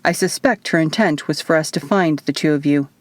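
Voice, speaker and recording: A woman voicing a calm, formal male shifter who speaks in a measured way. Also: deep voice, no echo, close to an everyday voice. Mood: serious.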